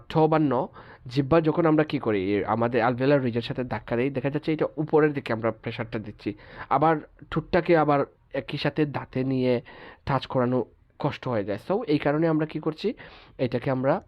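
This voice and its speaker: A man teaching English pronunciation in a class lecture, patiently repeating example words slowly and checking that students follow. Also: medium pitch, highs cut off.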